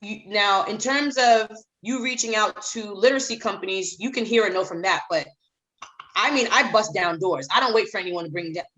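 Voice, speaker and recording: A middle-aged woman from Haiti speaks as a guest author in a podcast interview. She talks emphatically at a mid pitch and repeats phrases to drive her points home. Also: brisk, fairly bright tone, low-quality recording.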